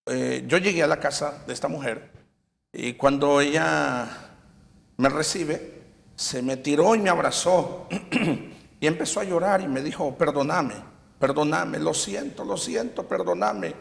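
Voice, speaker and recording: A man giving a personal faith testimony, halting and repeating himself as he retells scenes. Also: a little high, vocal fry, in a large hall. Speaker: testimony giver.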